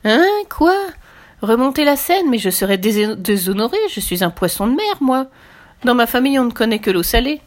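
A grumpy, outraged shark from a storybook, voiced by a woman reader, yelling in a high, strained voice several notes above her own. She sounds loud and put out, as if nothing could be more offensive. shift+. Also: animated, slow pace, few pauses. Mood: indignant. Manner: loud, shrill, outraged outbursts. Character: indignant grumpy female sea shark.

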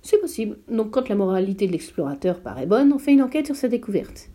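A woman's voice: mid-range voice, very animated, quick pace, warm tone. A woman doing a pompous old geographer. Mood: lecturing. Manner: lofty, lecturing. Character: pompous, self-important old male geographer.

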